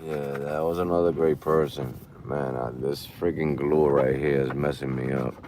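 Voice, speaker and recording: A weary man with a very low, deep voice talks half to himself while driving, slangy and muttering. He sounds tired. Faint car noise hums underneath him. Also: steady tone, moderate pace, darkish tone. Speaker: rideshare driver streaming live. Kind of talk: casual live-stream chat. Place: inside a car at night.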